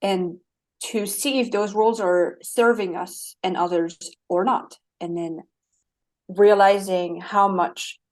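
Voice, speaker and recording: A woman's voice: mid-range voice, steady tone, slow, a little mellow. A woman with a French accent, a guest life coach, speaking earnestly and with animation and laughing easily. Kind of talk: interview conversation.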